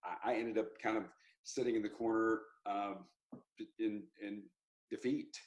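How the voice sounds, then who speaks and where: Animated man telling a story. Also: on the low side, a little slow, muffled recording. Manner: animated, rambling with restarts and laughs. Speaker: country singer, interview guest. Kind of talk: casual interview storytelling.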